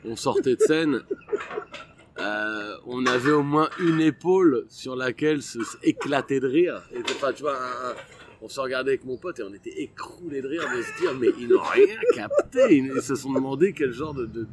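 A comedian from Picardy in casual conversation, rambling through a story with joking asides. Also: male voice, medium pitch, moderate pace, background noise. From France, Picardy. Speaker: guest comedian. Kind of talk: casual interview chat.

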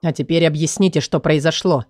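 A woman voicing a stern male lord and mage who speaks quietly and curtly, in a low, controlled tone. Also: steady tone, a little fast, no echo, clean studio sound, close to an everyday voice.

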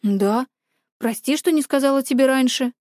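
A woman's voice: sits high, normal speed, a little mellow, no room sound, clean studio sound, close to an everyday voice. A woman voicing a jealous teenage schoolgirl in an audiobook, who speaks in a cold, accusing way. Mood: tense.

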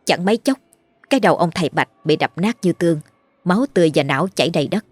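A woman's voice: lowish voice, animated, fast talker, slightly rough, no echo. A woman storyteller giving a dramatic, scripted horror narration. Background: faint music.

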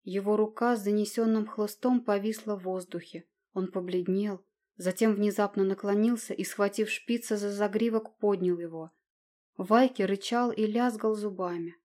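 A woman narrating a historical novel as an audiobook, in an expressive, measured way. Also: mid-range voice.

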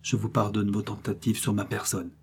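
A man voicing a stern, aggrieved lord who speaks in a measured, solemn way in an audiobook. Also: on the low side, level tone, creaky, darkish tone, a little hiss or hum. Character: stern, aggrieved English lord seeking justice.

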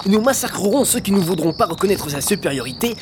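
Fanatical male cult preacher, played by a man, unctuous, high voice, crickets and noisy ambience. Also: animated, fast talker. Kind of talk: amateur audio drama acting.

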